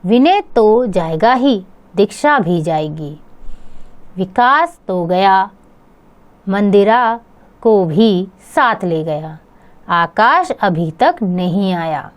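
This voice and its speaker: A woman narrating a grammar lesson for children, reading each term slowly and carefully. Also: medium pitch, expressive. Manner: slow, measured, reads word lists one by one. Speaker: teacher.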